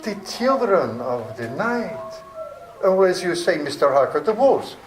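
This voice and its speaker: An actor playing a courtly, sinister vampire count with theatrically polite, menacing delivery in an old-time radio drama. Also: male voice, sits high, big pitch swings, unhurried, background noise. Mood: courtly, ominous. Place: live performance at a public library. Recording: roomy live stage sound with music.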